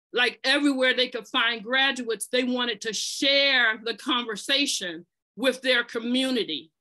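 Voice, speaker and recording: A podcast presenter recounts the history of an organization, her slightly high voice pushed and bright. She's earnest and conversational, reading aloud in parts and dropping in fillers and restarts.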